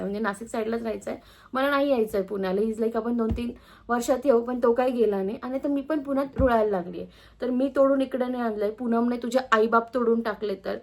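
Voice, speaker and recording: A woman's voice: a little high, darkish tone. Emphatic young Marathi woman vlogger. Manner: defensive, emphatic, replying to viewer comments. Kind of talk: casual vlog talk to camera.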